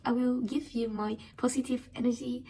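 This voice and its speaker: A young woman from Vietnam talking in simple, halting English with a Vietnamese accent, half-whispered, as a casual vlogger. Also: fairly high pitch, level tone, dark tone, slight background noise, poor audio. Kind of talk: casual vlog talk.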